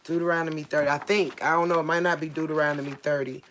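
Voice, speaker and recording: A woman hosting a faith livestream, speaking a casual prophetic message to viewers in a halting way, searching for her words and repeating herself. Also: sits low, steady tone, slight background noise.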